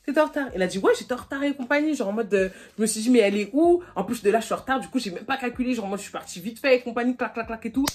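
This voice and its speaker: A young woman from France telling a storytime vlog in a slangy, animated way, acting out both sides of the dialogue. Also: on the high side, rapid-fire, few pauses. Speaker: YouTuber. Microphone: phone camera.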